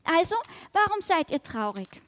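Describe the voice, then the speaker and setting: A woman's voice: extremely high pitch, sing-song, moderate pace, a bit bright, pitched above the performer's own voice, heavily acted. Woman voicing a tearful little mayfly. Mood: chattering. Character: tender newborn female mayfly, dainty and tearful.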